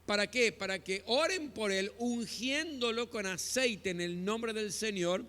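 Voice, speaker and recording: A pastor preaching a sermon, asking rhetorical questions and answering them, stretching key phrases out slowly. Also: male voice, high voice, sharp tone. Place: church. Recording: reverberant church hall.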